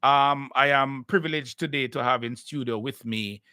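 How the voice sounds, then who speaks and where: Lively bright Jamaican man hosting. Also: medium pitch, moderate pace, smooth, no echo, clean studio sound. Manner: animated, repeats words while restarting. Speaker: live podcast host. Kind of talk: casual live-stream chat.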